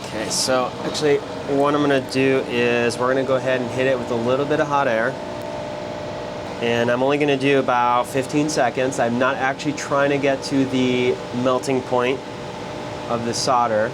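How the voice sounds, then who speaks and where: This man's voice sits at medium pitch and moves at normal speed as he offers easygoing, step-by-step commentary on his own repair work. He's an electronics repair technician presenter, recorded over a steady fan-like drone.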